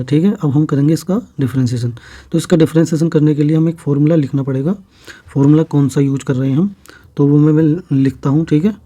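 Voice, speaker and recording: A man teaching a maths lesson for exam preparation, explaining each step plainly and checking in often. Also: on the high side. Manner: steady step-by-step explaining with frequent "theek hai" checks.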